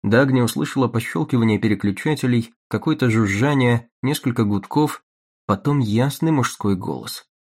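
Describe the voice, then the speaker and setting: A man narrating an audiobook in a measured, even reading manner. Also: mid-range voice, slightly rough. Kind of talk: scripted narration.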